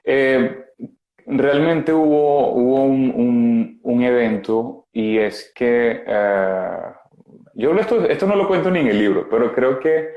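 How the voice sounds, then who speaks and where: A man in his thirties with a Venezuelan accent, a guest speaking frankly and haltingly about his past over a video call. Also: medium pitch, echoey room, muffled recording. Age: 30s. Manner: frank, halting, many fillers. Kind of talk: candid personal testimony.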